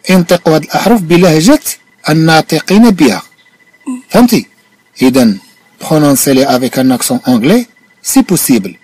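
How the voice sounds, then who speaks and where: A man with a Moroccan accent teaching a language lesson, reading each phrase slowly and then explaining it and checking that the listener understood. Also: a little high, lively intonation, a little mellow, dry recording. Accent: Moroccan Arabic.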